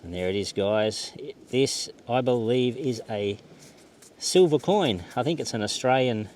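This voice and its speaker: With a mid-range, darkish voice and a slightly slow pace, this man narrates his beach search as a metal detecting vlogger. The commentary is casual and understated, half self-directed, and clear outdoor background noise runs underneath.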